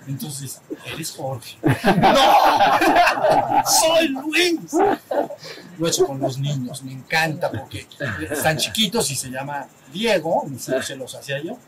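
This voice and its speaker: A spiritual teacher with a Mexican Spanish accent talks conversationally to a small group, asking for their agreement and acting out little dialogues. He is very animated and takes it slowly, with a faint rumble in the background.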